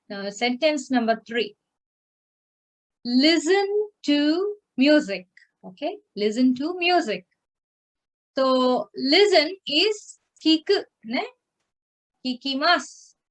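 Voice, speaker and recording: A woman teaching an online class, speaking slowly and a little high. She is patient, repeating phrases and asking "okay?" to check that her students follow. Her voice comes through a video call. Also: animated, fairly bright tone. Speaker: language teacher.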